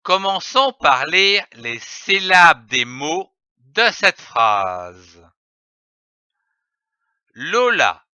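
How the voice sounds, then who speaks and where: A man teaching children to read, slowly sounding out letters and syllables in a phonics lesson. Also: on the high side, sharp tone, clear, resonant tone, no room sound, studio quality. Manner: slow, carefully spelled-out syllables. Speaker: reading teacher.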